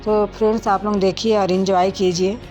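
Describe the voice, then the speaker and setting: Over loud background music, a young woman talks through her wedding video in a relaxed voice-over, addressing viewers like friends and filling her speech with fillers. Her mid-range delivery is flat, at a normal speed.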